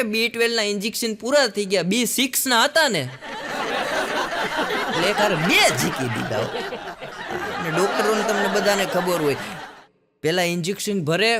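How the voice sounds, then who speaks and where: A man's voice: sits high, expressive, moderate pace. A man telling jokes on stage as a stand-up comedian, acting out the lines of the people in his stories in raised voices. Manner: acts out characters' quoted lines in raised voices.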